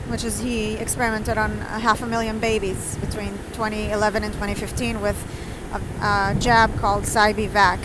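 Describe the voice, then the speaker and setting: A woman of around forty from Israel talks casually in a rambling, digressive vlog, recorded outdoors with wind on the mic. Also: medium pitch. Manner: digressive, losing and regaining her train of thought. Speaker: vlogger.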